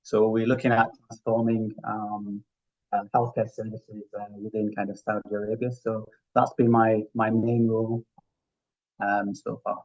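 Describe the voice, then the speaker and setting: A middle-aged man from Yorkshire, England, with a broad Yorkshire accent, is an interview guest who works in healthcare finance. He gives reflective, conversational answers and often checks for agreement, in a low-ish, slightly mellow voice with flat delivery at normal speed. The recording sounds muffled.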